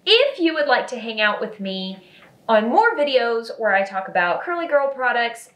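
A woman's voice: on the high side, fairly bright tone, echoey room. A woman explaining hair care ingredients in a chatty, giggly, self-deprecating vlog style.

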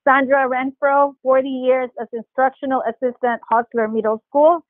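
A woman director of school staff reading a list of retirees in a measured, formal way, sometimes stumbling over names, calling in by phone. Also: high-pitched, fairly even intonation, dry recording. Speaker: director of classified personnel. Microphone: phone call. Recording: tinny phone line.

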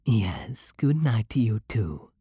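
A seductive British vampire king comes to life in this man's ASMR roleplay: a slow, imperious, very breathy and husky voice on the low side, its melody lively and swooping, exaggerated in character. Recorded close on a dry mic with no echo, he is formal, possessive and teasing, with a tender, commanding mood.

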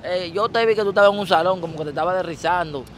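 A man's voice: high voice, very fast, slight background noise. A man with a Dominican accent, interviewing someone on the street in a playful, teasing way.

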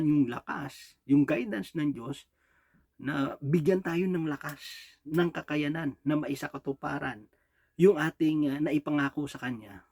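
Filipino male preacher, higher voice, conversational sermon full of "di ba?" checks, close dry sound. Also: creaky, a little mellow, no room sound. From Philippines. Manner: rhetorical "di ba?" and "no?" checks with the congregation, frequent chuckles. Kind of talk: Taglish sermon.

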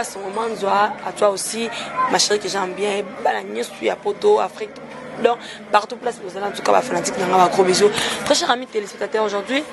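Gravelly-voiced woman hosting, noisy room. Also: mid-range voice. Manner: shout-outs to fans and friends, animated. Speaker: TV show host. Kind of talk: casual talk-show greetings and interview. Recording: noisy background ambience.

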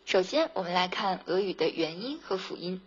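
A woman teacher narrating a scripted pronunciation lesson, drilling sounds slowly and carefully. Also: lowish voice, expressive, slightly rough, dull audio. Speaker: language teacher.

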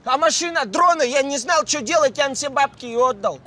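A squeaky-high cartoon street hustler. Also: male voice, expressive, a little fast, pushed and bright, a little hiss or hum, exaggerated voice. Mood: sheepish, wheedling. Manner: slangy, wheedling, mock-dignified. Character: wily young street hustler taxi driver, smooth-talking, chummy. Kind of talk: animated comedy dialogue.

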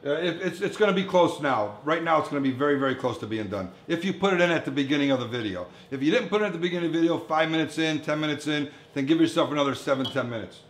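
This chef, a man in his fifties, talks rapid-fire with hardly a pause, his high-leaning voice full of lively intonation. He's hosting a casual cooking demo for home viewers from an indoor commercial-style kitchen. The room echoes, with kitchen clatter and other background noise.

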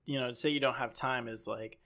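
A man's voice: medium pitch, fairly even intonation, quick pace, bright, forceful tone. A man co-hosting a podcast in casual chat, rambling and acting out quoted people as he tells stories. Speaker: podcast co-host.

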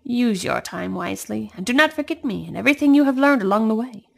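A woman voicing a wise, kindly old man in a children's storybook reading, giving gentle advice. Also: fairly high pitch, animated, quick pace, vocal fry, full character voice. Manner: gentle, advising, urging.

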